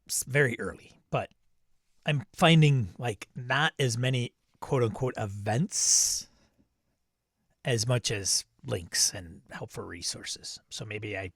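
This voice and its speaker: A man's voice: mid-range voice, takes it slowly, fairly bright tone, slightly rough, no echo, clean studio sound. Chatty self-deprecating American man. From United States. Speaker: podcast co-host. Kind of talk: casual chat.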